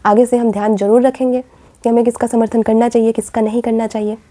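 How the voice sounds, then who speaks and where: A woman's voice: a little high, little pitch movement, fast talker, dark tone. A woman hosting a commentary vlog, speaking with passion and asking pointed rhetorical questions. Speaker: vlogger.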